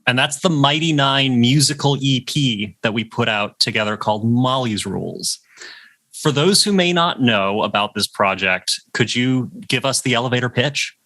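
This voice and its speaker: A man hosting a relaxed interview over a call. His voice is bright and forward, and he asks his guests questions in a friendly, easygoing way. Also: medium pitch, moderate pace. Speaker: host. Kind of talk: casual interview chat.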